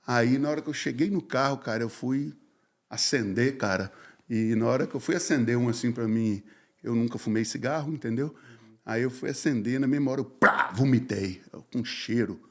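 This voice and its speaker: A man, a pastor telling his life story in a casual, slangy, animated way and acting out the dialogue. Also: mid-range voice, moderate pace. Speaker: pastor, podcast guest.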